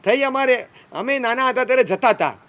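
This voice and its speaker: Fast, high-voiced man giving a playful sermon. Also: expressive, sharp tone. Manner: playful, teasing, mimics parents and teens. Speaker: speaker addressing young people. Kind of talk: humorous sermon.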